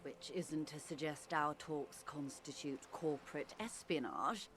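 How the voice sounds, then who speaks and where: A shrewd, wry negotiator. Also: female voice, deep voice, measured pace, a little hiss or hum. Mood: sly. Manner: smooth, articulate, gently ironic. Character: poised, worldly woman negotiator, shrewd and wry.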